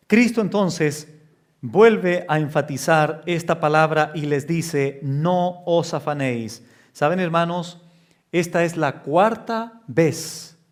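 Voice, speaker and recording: A male pastor preaching an expository sermon in a slow, emphatic way, often raising his pitch for stress.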